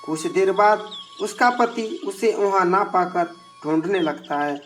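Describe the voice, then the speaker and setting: Slow storyteller reading a devotional folk tale, even pitch, faint music under it. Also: slight background noise. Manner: slow, plain retelling.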